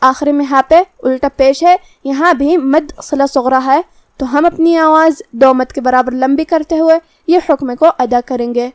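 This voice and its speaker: A woman teaching the rules of Quran recitation, explaining each rule calmly and methodically and reciting the verses slowly. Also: high-pitched, dry recording, clean studio sound. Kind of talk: tajweed lesson, explaining rules.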